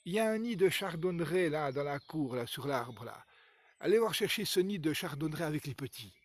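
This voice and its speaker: A man voicing an old village father who speaks in a measured, insistent way. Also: on the high side, animated. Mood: commanding.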